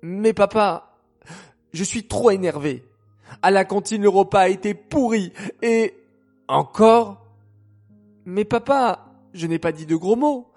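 A man's voice: high-pitched, slow pace, pauses often, a little mellow, faint music behind, pitched above the performer's own voice, full character voice. A man voicing an upset young boy who grumbles and whines, in a children's storybook reading. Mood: whining. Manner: grumbling, slurred angry words.

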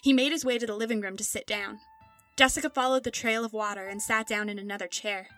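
A woman narrating a scripted story in a steady, measured reading voice. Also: medium pitch, faint music behind.

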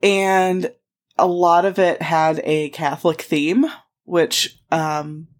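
A woman's voice: low-pitched, level tone, takes it slowly. A woman co-hosting a podcast in casual chat, telling stories animatedly with frequent laughs and swearing. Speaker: podcast co-host.

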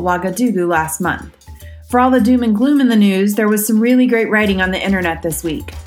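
Woman, podcast host, mid-pitched, measured, articulate, faint music behind. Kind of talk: podcast news roundup and interview.

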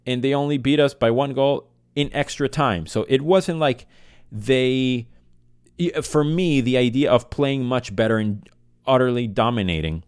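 A man's voice: mid-range voice, dry recording, clean studio sound. A man hosting a casual, unscripted solo fan podcast, speaking in an emotional and passionate way. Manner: emotional, feelings-led, passionate delivery. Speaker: podcast host.

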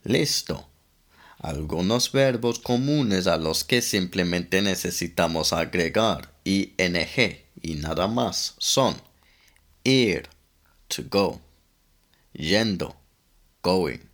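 Slow, deep-voiced man teaching English grammar. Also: fairly bright tone. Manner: slow, methodical, spells out letters one by one. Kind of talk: scripted grammar lesson.

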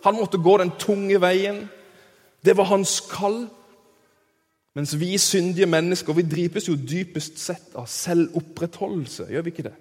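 A male preacher tells Bible stories in a lively, engaging way. His voice sits fairly high and carries a long hall reverb. He often turns to his listeners with questions. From Kristiansand, southern Norway. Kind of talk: storytelling sermon.

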